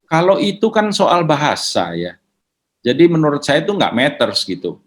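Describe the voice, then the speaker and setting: A man answering questions in a relaxed, conversational teaching manner, mixing in English words. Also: on the high side, normal speed. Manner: casual, mixes in English words.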